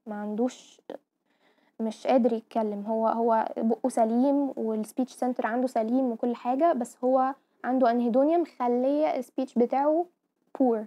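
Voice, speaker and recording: In a muffled recording, a woman with a fairly high voice and an Egyptian Arabic accent gives a medical lecture. She explains terms step by step, mixes in English medical vocabulary, and keeps checking that listeners follow with frequent "tamam?"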